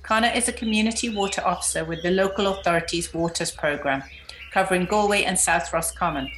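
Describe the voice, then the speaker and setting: A woman's voice: lowish voice, brisk, a bit bright, slight background noise, rough recording. A woman presenting and interviewing as a podcast host. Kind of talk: scripted introduction and conversational interviewing.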